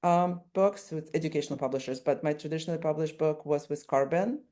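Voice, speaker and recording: Speaking quickly in a low, dark voice, a woman from Ukraine whose first language is Russian responds to an interviewer. She's an author-illustrator who thinks things through and often begins her sentences again.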